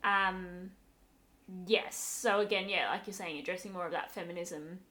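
A young woman co-hosting a podcast, talking thoughtfully with many pauses and fillers. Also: lowish voice, bright, forceful tone. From Australia. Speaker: podcast co-host. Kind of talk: casual podcast conversation.

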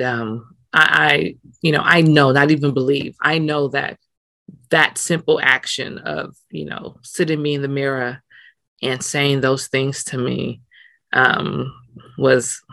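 A woman's voice: extremely low pitch, vocal fry, fairly bright tone, no room sound. A young adult woman answering interview questions, earnest, often repeating words as she searches for them. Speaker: interview guest, nonprofit worker. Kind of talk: casual interview conversation.

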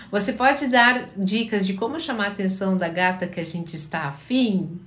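A woman from Paraná with a Curitiba accent, a therapist calmly answering viewers' questions in a live chat, sounding tired. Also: mid-range voice, measured pace, roomy sound. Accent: Curitiba Portuguese. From Paraná, Brazil. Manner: calm, advising, often checks in with listeners.

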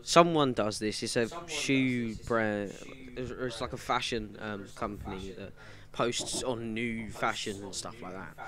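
A man's voice: lowish voice, fairly even intonation, unhurried, hardly any pauses, crowd noise. Rambling young man, busy room. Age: young adult. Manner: rambling, hesitant, many fillers. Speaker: podcast co-host. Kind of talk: casual chat.

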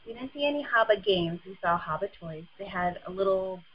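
A woman co-hosting a casual chat, chatty and quick to laugh. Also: mid-range voice, expressive, breathy edge, lo-fi sound. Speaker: podcast co-host.

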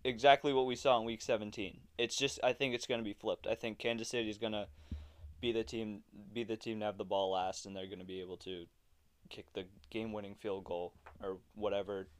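A young man hosting a casual sports podcast, talking loosely and joking, quick to laugh. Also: lowish voice, fairly even intonation, clear, resonant tone. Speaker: podcast host.

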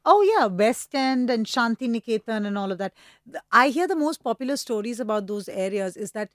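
A woman's voice: a little high, lively intonation, brisk, no echo. Educated urban Indian woman, dry close sound. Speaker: historian guest. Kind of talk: conversational explaining.

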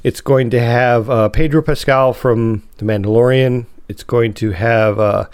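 A man's voice: mid-range voice, fairly even intonation, a little slow, a little mellow, clean tone, dry recording. Man, podcast host, nasal from a cold, casual rambling chat, dry close mic. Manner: rambling, self-correcting, chatty. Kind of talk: casual solo podcast talk.

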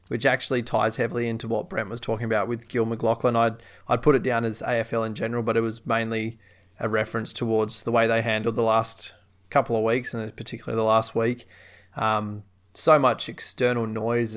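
A man's voice: medium pitch, smooth. An Australian man talking casually about sport as a podcast host.

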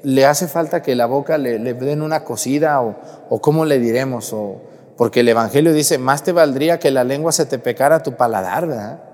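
A man's voice: fairly high pitch, a little mellow, in a large hall. A man, a priest preaching a sermon in a conversational way, with rhetorical questions to his congregation.

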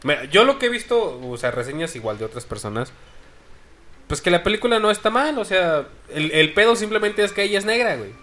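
A man's voice: sits high, very animated, fairly quick, a bit bright. A Mexican man co-hosting a podcast, joking and questioning in slangy casual chat. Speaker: podcast co-host.

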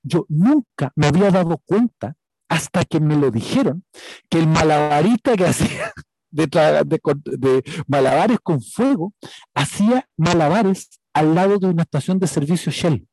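A man's voice: on the high side, expressive, moderate pace, a little mellow, slightly rough, no echo, rough recording. A man with a Chilean accent preaching a conversational sermon and telling a personal story. He keeps checking in with his listeners by asking "right?".

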